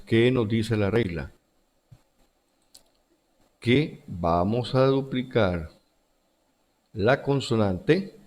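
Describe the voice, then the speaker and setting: A man's voice: lowish voice, darkish tone. A male teacher giving a recorded grammar lesson to schoolchildren, repeating each example word and rule. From Central America.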